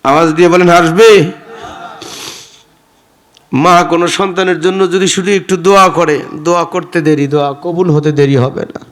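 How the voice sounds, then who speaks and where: A man's voice: a little high, steady tone, a bit bright. A man with a Rangpur Bengali accent preaching a tearful, emotional sermon, calling out questions to the crowd. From Bangladesh. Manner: addresses the crowd with questions, breaks into slow sung verses.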